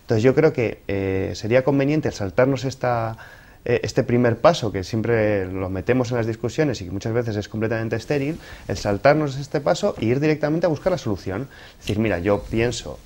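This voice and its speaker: A man's voice: medium pitch, a little fast, darkish tone. A man from giving relationship advice in an interview, explaining things didactically through examples.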